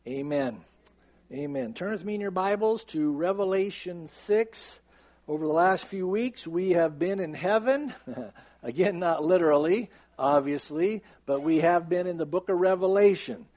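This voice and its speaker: In a church sanctuary, a US pastor in his fifties preaches and prays at a moderate pace in a somewhat high voice. His tone shifts from relaxed jokes to a steady, earnest prayer.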